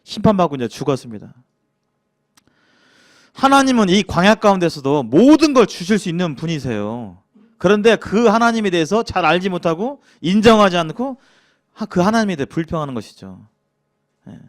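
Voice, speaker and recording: Lively Jeolla-accented man teaching Bible. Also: high-pitched, normal speed. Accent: Jeolla Korean. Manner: lively, acts out grumbling quotes, chuckles, asks the class questions. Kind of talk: casual church lecture.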